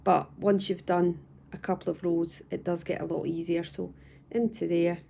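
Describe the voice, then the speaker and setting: Young woman doing a home crochet tutorial, calm and patient, kinda low and gravelly. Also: normal speed, slight background noise. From United Kingdom. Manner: calm, patient, repeats and restarts phrases. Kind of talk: step-by-step craft tutorial. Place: at home, indoors.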